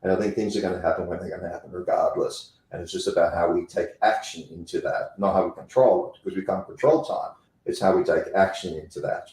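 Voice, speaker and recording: In a deep, slightly mellow voice and at a quick pace, a company president with a South African accent speaks emphatically as an interview guest, repeating phrases for effect. The room echoes and the recording is rough.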